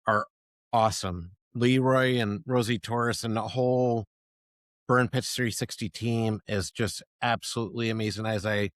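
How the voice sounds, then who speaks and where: A middle-aged man hosts a podcast interview, rambling and restarting as he gives eager shout-outs. His voice sits a little low. The sound is dry and close. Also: fairly even intonation, moderate pace, no echo. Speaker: podcast host.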